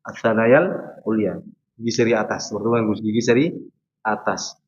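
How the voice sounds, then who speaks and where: A man's voice: on the low side, steady tone, a little fast. A man teaching Quran pronunciation in a mosque class, patiently repeating letter sounds for students to copy. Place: mosque hall. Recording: dull lo-fi recording with faint noise.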